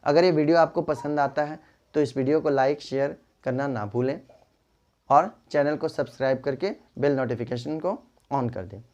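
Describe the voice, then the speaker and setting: A man's voice: medium pitch, normal speed, a little mellow, highs cut off. A man teaching a Hindi writing lesson online, patiently repeating example words and addressing his students as children.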